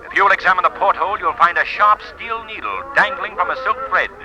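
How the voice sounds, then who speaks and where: An actor playing a mysterious, confident crime-fighting man in a theatrical old-time radio drama, speaking with deliberate authority. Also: high-pitched, animated, bright, forceful tone, full character voice. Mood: triumphant, urgent. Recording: noisy old radio recording.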